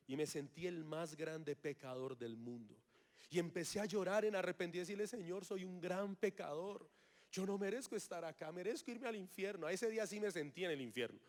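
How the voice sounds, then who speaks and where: Man, late thirties, high voice, vivid testimony sermon, acts out scenes. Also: darkish tone. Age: 30s. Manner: storytelling, acting out his own past reactions. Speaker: preacher.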